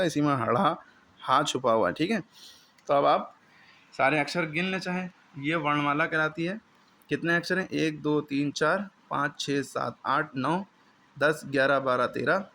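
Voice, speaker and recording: A man's voice: medium pitch, fairly bright tone. Patient man teaching letters step by step. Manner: patient step-by-step explaining, drills sounds for the pupil to repeat. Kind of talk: classroom lesson on the alphabet.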